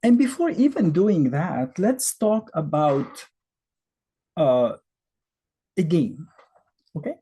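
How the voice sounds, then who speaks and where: Taking it slowly with long pauses, an Egyptian man in his fifties teaches beginner math in a casual, conversational style, with rhetorical questions and fillers. A native Arabic speaker with an Egyptian accent, he has a very animated, husky, dark-toned voice that sits a little high.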